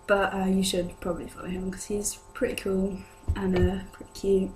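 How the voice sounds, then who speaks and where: A mid-range, flatly delivered voice at moderate speed belongs to a young British vlogger answering her viewers. She's unwell with a sore throat, sounding lower than normal, and chats casually and hesitantly, rambling as she goes. The recording was made at home and is noisy with a hum.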